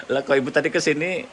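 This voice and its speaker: A man interviewing a host casually, responding attentively with soft affirmations. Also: fairly high pitch. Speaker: visiting interviewer. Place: home visit, indoors. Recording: clear background noise.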